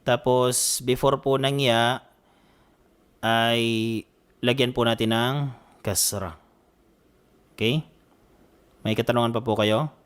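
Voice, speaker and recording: A man's voice: mid-range voice, steady tone, smooth. Patient man teaching Arabic grammar. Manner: patient, repeats points, frequent "naam" and "okay" checks; slows down to spell out Arabic phrases. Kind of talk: online language lesson.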